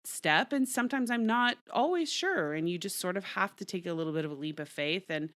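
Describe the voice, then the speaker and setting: A woman's voice: fairly low pitch, expressive, brisk, a bit bright, no room sound. A middle-aged woman, a guest being interviewed, chatting candidly and often laughing. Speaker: guest, entertainment reporter. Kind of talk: casual interview chat.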